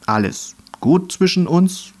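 A man's voice: sits high, animated, takes it slowly, darkish tone, pitched above the performer's own voice. A man voicing a cheeky, rowdy male dandelion in a storybook reading, teasing and playful.

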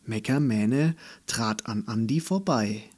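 Slow husky storybook narrator, a man. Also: medium pitch, a little mellow.

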